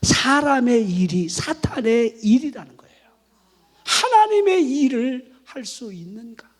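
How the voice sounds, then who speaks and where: Husky, high-voiced male pastor preaching. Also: measured pace. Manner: animated, exhorting with rhetorical questions; leads congregation in call-and-response shouts. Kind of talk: sermon. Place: church, night worship service.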